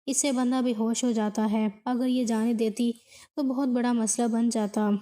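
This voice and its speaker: A woman's voice: a little high, fairly even intonation, dark tone, close to an everyday voice. Woman reading as a guilty desperate husband. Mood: anxious. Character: desperate guilty young married man, the older brother.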